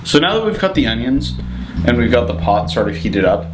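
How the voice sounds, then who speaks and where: A man's voice: mid-range voice, big pitch swings, fairly quick, background noise. A slightly tipsy man casually talking through a cooking demonstration step by step, in an informal, rambling, offhand way. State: somewhat tipsy from drinking. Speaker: cooking show host. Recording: music playing behind the voice. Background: plucked guitar music.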